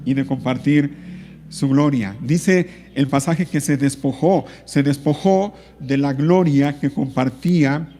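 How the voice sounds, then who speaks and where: A man's voice: fairly high pitch, darkish tone, big-room sound. A man preaching a sermon as pastor, speaking with emphatic repetition and drawing out key words. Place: church.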